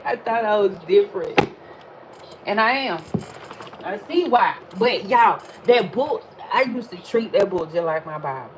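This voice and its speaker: A woman, chatting casually while reading tarot cards, animated and swearing freely. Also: mid-range voice, unhurried, slight background noise, low-quality recording. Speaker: tarot reader. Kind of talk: casual livestream chat.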